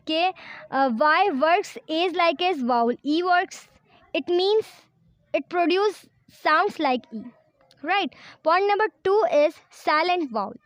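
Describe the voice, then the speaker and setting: A woman's voice: high voice, dry recording. A woman teaching a grammar lesson. She counts syllables aloud, spells out words letter by letter and checks in with "right?". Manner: slow, careful English, checking in with "right?". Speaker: English teacher. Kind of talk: classroom-style grammar lesson.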